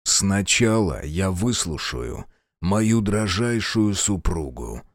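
Man voicing an icy, commanding prince-mage, measured slow speech, audiobook, dry close sound. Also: deep voice, big pitch swings, no echo, voice pushed down, full character voice. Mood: stern. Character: stern, icy male prince and archmage.

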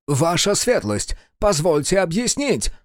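A man playing a cunning male ambassador in an audiobook, speaking in a hoarse, quiet, insinuating voice. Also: high-pitched, sing-song, a little slow, dry recording, studio quality, voice pushed up. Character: cunning male foreign ambassador, pinned and choking.

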